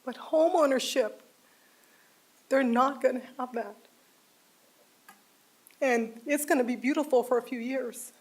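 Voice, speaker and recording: A woman's voice: sits high, husky. An older woman making a heartfelt, emotional public comment as a resident at a city planning meeting, speaking from a podium microphone. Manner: heartfelt, pleading, slow and deliberate. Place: city council chamber.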